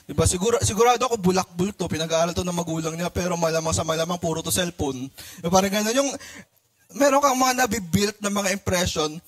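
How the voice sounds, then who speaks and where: A Filipino man with a notably high voice leads a sermon in a relaxed, conversational way. He keeps putting questions to the room, mimics how different people talk, and laughs along the way. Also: fast. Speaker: preacher.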